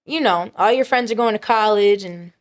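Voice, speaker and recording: Speaking as an interview guest, this young female singer-songwriter has a high-pitched voice and a laid-back, casual manner. Her talk is packed with fillers and she laughs readily.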